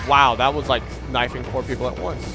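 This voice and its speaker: A man making gaming videos narrates a let's play in a casual, wandering, self-deprecating way. He talks fairly quickly in a medium-pitched voice with fairly even intonation, over loud game music and sounds.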